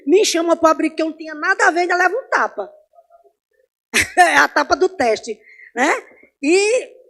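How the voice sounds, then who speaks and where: A high-pitched woman, teaching a Sunday Bible class in a church. She talks conversationally and keeps asking her listeners questions. Her voice swings from loud to soft as she tells stories.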